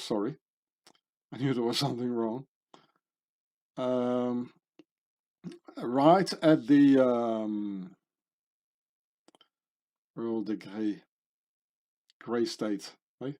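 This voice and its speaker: Slow, mellow man rambling on. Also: medium pitch. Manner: meandering, full of fillers and tag questions. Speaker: channel host. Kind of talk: rambling monologue over pictures.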